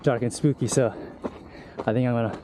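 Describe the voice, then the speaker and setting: This is casual hiking vlog talk from a young man climbing a trail outdoors, winded as he speaks frankly to the camera. His medium-pitched voice is steady in tone and brisk. Clear background noise runs through the outdoor audio.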